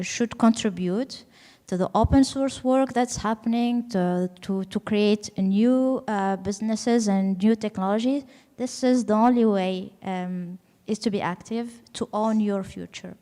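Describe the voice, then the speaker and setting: A woman's voice: medium pitch, a little slow, warm tone. A woman speaking on a panel in an emphatic, persuasive way, urging action. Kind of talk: panel discussion. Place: expo hall panel. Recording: reverberant hall.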